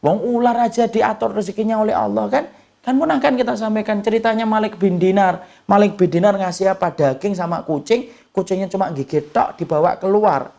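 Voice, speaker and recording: Gravelly-voiced preacher with speech. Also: male voice, brisk, mellow. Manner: asks the audience questions and answers them himself; folksy and joking, wide swings in pitch. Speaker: Islamic preacher. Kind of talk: sermon lecture.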